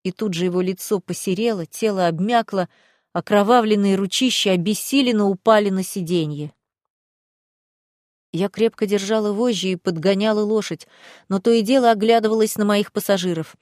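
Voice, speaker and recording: A woman's voice: mid-range voice, moderate pace, darkish tone, dry recording, clean studio sound. A woman reading a first-person story aloud in a dramatic, tense way. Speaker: audiobook reader. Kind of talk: first-person audiobook narration.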